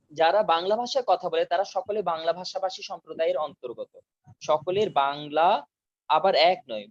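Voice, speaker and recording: A high-pitched man lectures his students over a video call and repeats each key term slowly so they can write it down. The sound is dry and a little dull, like online call audio. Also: no room sound. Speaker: teacher. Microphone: video call mic.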